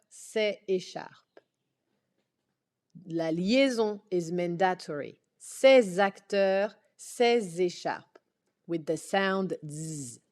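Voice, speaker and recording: A woman teaching a French lesson, speaking carefully and deliberately and repeating example words. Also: medium pitch, darkish tone. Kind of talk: slow, clearly enunciated language lesson.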